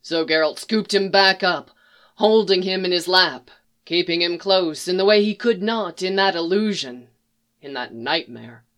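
Slow, even storyteller reading fiction aloud. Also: medium pitch. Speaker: narrator.

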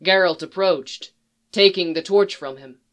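A narrator reads a fan story aloud, unhurried and measured. The pitch sits at a middling height. The telling stays slow and even throughout.

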